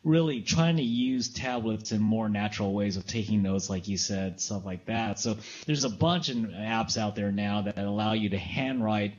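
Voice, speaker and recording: A man co-hosting a casual tech news chat, easygoing with quick interjections. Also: on the low side, darkish tone, dull audio.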